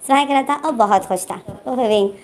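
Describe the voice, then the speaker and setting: A woman's voice: a little high, a little fast. A woman casually retelling a romantic fan story, chatty and full of repeated fillers.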